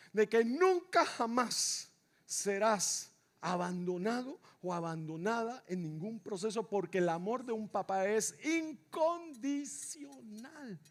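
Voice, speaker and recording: A male pastor delivers an impassioned sermon in a church. His voice sits very high for a man, and he preaches slowly and deliberately, repeating key phrases. He swings from loud shouts down to hushed, near-whispered lines. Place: church sanctuary.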